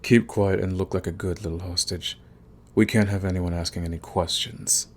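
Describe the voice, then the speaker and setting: A low, fairly even voice at a moderate pace, close to everyday speech, with a slight hiss or hum in the recording. In an intimate ASMR romance roleplay, the actor plays a smug villain who flirts with the enemy he's fond of, commanding and teasing with drawled, taunting menace.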